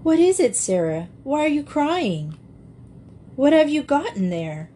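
A woman reading aloud voices a lively, confident young girl who speaks blithely and with impatient scorn. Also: high voice, unhurried, a little hiss or hum, voice pushed up.

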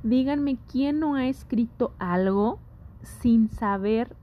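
A woman teaching a scripted lesson, speaking deliberately and putting questions to her audience. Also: on the high side, dull audio.

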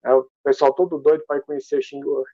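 Animated high-voiced man telling stories. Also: fast talker, dry recording, lo-fi sound. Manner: animated, rambling with many fillers. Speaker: guest athlete. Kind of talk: casual interview storytelling.

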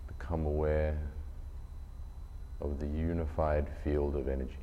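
A man leading a guided meditation in a soothing, unhurried delivery, leaving long pauses between short phrases. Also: extremely low pitch, little pitch movement. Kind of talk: slow guided meditation narration. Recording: muffled lo-fi, faint noise.

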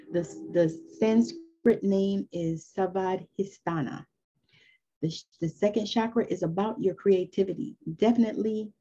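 A woman's voice: mid-range voice, warm tone, dull audio, slight background noise. A woman in her fifties giving an earnest, encouraging spoken lesson on spiritual growth in a loose, conversational way. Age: 50s. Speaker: spiritual teacher.

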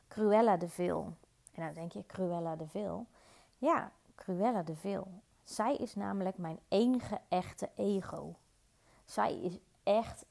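Dutch woman podcast host, candid, direct coaching monologue, slight vocal fry. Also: mid-range voice, a little mellow. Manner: earnest, direct, addresses listener.

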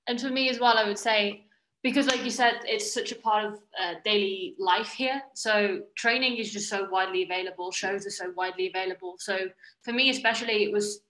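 Young British woman, bright voice, echoey room. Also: medium pitch, fairly even intonation, brisk. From United Kingdom. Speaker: interview guest, professional wrestler. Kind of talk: casual interview chat.

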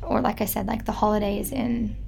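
Chatty Midwestern woman with a gravelly edge. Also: on the high side, flat delivery, a little fast, a little mellow, slight background noise. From Midwest United States. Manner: chatty, lots of filler "like". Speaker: guest. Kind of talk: casual interview.

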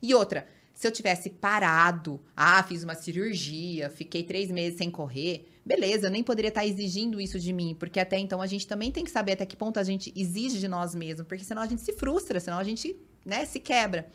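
A woman who runs marathons and works as a fitness influencer, chatting as a podcast guest and telling stories with lively acted-out quotes. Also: medium pitch, quick pace, few pauses. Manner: animated storytelling, acts out quoted remarks, frequent "né" and "então, assim". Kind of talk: casual podcast conversation.

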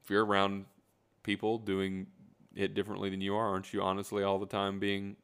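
Male podcast host, very low voice, rambling solo rant that corrects itself as it goes. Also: monotone, a little fast, fairly bright tone, smooth. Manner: rambling, self-correcting, self-deprecating. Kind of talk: solo rant, casual monologue.

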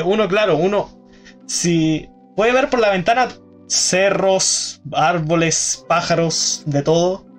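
Young Chilean man, podcast host, fairly high voice, rambling chat, soft music faint behind. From Aysén region, southern Chile. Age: young adult. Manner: rambling, many fillers and restarts.

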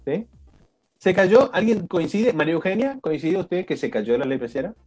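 A man's voice: fairly high pitch, fairly quick, soft background music. A man with an Argentine accent teaching a live online coaching class, often asking the group questions. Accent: Argentine Spanish. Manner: lively, questioning the class, frequent "¿no?" and "¿sí?". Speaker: coaching instructor. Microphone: video call.

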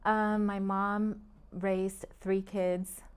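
A woman's voice: medium pitch, little pitch movement, extremely slow, clean tone. A middle-aged woman from Puerto Rico, a real estate agent guest talking earnestly and in detail in a casual interview, often laughing between points.

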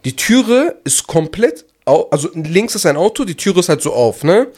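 A young man in a casual podcast chat, telling a story with a high, restless voice. He jumps into the quotes and yells them out, with lots of rise and fall as he goes. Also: normal speed, breathy edge. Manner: animated, acts out shouts and quotes. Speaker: podcast co-host.

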